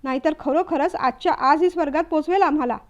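Woman playing a shrill scolding mother-in-law. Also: brisk, dull audio, natural voice. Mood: angry.

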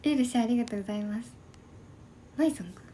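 Woman in her early 20s, casual live-stream chat, soft half-whispered delivery, mellow tone, streaming from home. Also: fairly high pitch, rapid-fire, a little hiss or hum. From Shimane, Japan. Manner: soft, quiet, often half-whispered talk. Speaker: livestream host. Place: at home by an open window.

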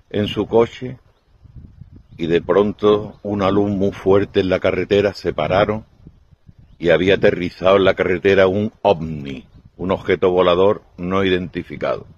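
Low husky man telling jokes. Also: highs cut off. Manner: brisk, conversational storytelling. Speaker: comedian. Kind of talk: joke telling.

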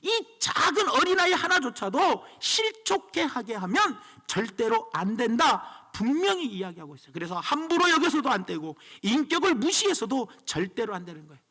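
A man's voice: very high-pitched, very animated, normal speed, hardly any pauses, sharp tone. A man preaching a sermon as pastor, emphatic and storytelling.

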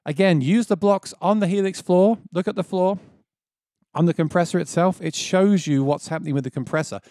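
Speaking a little fast in a mellow tone, a man in his thirties hosts a laid-back music gear tutorial, explaining each step with enthusiasm. He describes his voice as quite low, and the dry recording comes from a close boom-mounted dynamic mic in his small home studio.

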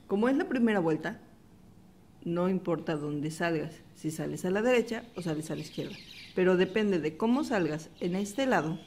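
A woman giving a patient, step-by-step embroidery lesson, calmly repeating each stitch. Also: on the low side, normal speed, a little hiss or hum. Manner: calm step-by-step instruction, repeats the steps softly. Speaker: embroidery teacher. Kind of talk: slow, patient craft tutorial.

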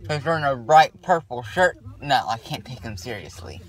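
A teenage young man chatting casually and loopily, rambling in an excitable way into a handheld phone. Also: mid-range voice, normal speed. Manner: giddy, loopy, excitable. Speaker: patient filmed after wisdom teeth surgery. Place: inside a car, later rooms in a house. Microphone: phone at arm's length. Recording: noisy handheld phone recording.

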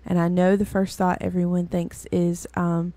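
A woman's voice: fairly low pitch, little pitch movement, moderate pace, mellow, no room sound. A weary woman hosting and giving a casual, rambling Bible lesson, full of fillers and self-corrections. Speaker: host and Bible teacher.

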